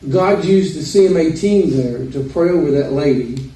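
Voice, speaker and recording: A man with an Arkansas accent giving an informal, folksy sermon with halting pauses. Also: a little high, warm tone. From Arkansas, United States. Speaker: preacher. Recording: roomy echo, distant microphone.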